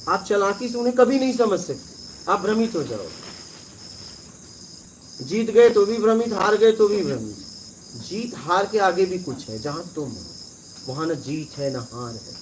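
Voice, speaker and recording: A man's voice: high-pitched, big pitch swings, a little slow, pauses often, a little hiss or hum. A man giving a conversational spiritual discourse, telling parables and often checking in with his listeners. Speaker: spiritual teacher.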